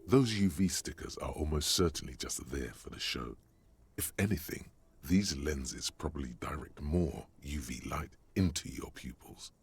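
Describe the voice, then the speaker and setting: A man playing a detective's brooding, sardonic inner voice, narrating a video game in a deliberate, dry, literary way. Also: rumbling low, expressive, creaky, slightly rough, full character voice.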